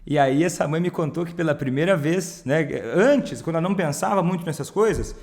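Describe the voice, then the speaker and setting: Male counselor talking straight to camera, chatty and explanatory, slightly raised pitch. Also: a little fast, darkish tone. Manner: conversational, explains with many rhetorical questions and acted quotes. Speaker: family counselor on alcoholism. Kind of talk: direct-to-camera advice talk.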